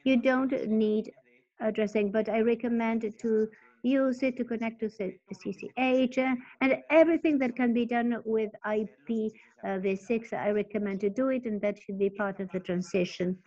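A woman giving a technical presentation in a halting, stop-start way, interpreting for the speaker. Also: on the high side, fairly even intonation, warm tone. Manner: halting, stop-start delivery while explaining. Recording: dull lo-fi webinar audio.

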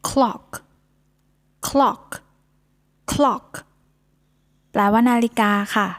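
A woman's voice: on the high side, a little fast. A woman with a Thai accent teaching beginner English vocabulary, saying each word three times before she explains it.

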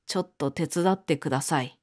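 A woman's voice: sits low, a little fast, darkish tone. A woman reading the lines of a solemn male doctor in a storybook. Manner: grave, solemn.

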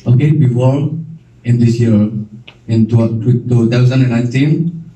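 Young man from Indonesia, pageant contestant, very dark mellow voice, halting English, roomy distant sound. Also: medium pitch. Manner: plain, halting non-native English. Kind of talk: press conference answer. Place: hotel function room.

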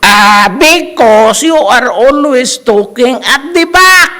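A man putting on the voice of a strict, mocking older male law professor, high-pitched and drawn out, while retelling a classroom story. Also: lively intonation, slow, sharp tone, heavily acted. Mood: scolding.

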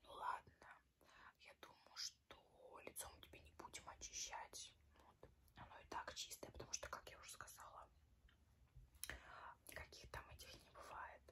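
A woman in her twenties doing a whispered role-play as a chatty, tactless, self-promoting makeup artist, talking in an offhand, rambling way. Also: normal speed. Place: small room at home, indoors.

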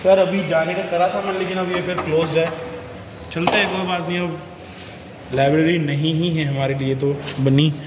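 A man's voice: a little high, fairly even intonation, normal speed, background noise. A young man in his twenties, vlogging casually and joking with viewers while touring his college and a gym. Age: 20s. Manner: joking, chatty, talks to viewers. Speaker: fitness vlogger and college student. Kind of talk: casual vlog chat. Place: college building and gym, indoors. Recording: echoey rooms with music behind.

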